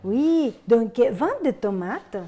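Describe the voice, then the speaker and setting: A woman's voice: fairly high pitch, expressive, mellow. A woman presenter introducing a guest and interviewing him, giving short approving replies. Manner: slow, affirming with short responses.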